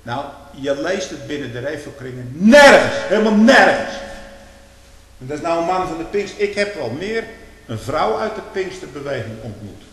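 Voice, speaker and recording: A man giving a sermon, swinging between loud emphatic declaiming and low conversational asides. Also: animated, fairly quick. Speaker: preacher. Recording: reverberant hall.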